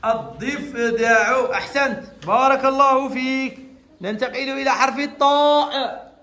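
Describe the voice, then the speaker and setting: A man's voice: very high voice, normal speed, pushed and bright. A male teacher leading a classroom lesson with young pupils. He talks patiently, repeats each letter and praises the answers.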